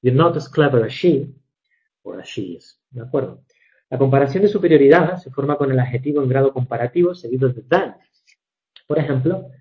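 A man teaching English grammar in a recorded lecture, measured and methodical, slowing down to read examples and correcting himself with fillers. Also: mid-range voice. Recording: dull lo-fi recording.

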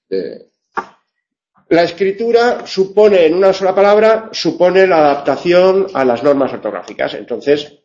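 A man's voice: mid-range voice, a little mellow. Man, teacher giving a classroom lecture, explanatory, lots of fillers, dull lo-fi recording. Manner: explanatory, full of fillers and rhetorical checks; self-correcting. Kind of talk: classroom lecture on Spanish grammar.

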